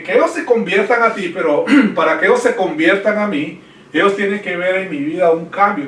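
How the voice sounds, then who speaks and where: A man delivers an earnest sermon, speaking to his listeners as brothers. His voice sits somewhat high. The sound is roomy and distant, as if picked up from across the room with a faint hiss behind it. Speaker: pastor. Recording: echoey room heard from a distance.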